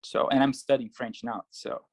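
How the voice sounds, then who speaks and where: A Brazilian pro triathlete and coach, whose first language is Portuguese, gives casual interview answers in a thoughtful, measured way. His intonation is fairly even, his pitch sits in the middle for a man, and he leans on many fillers while thinking. The audio is dry and close, with no room echo.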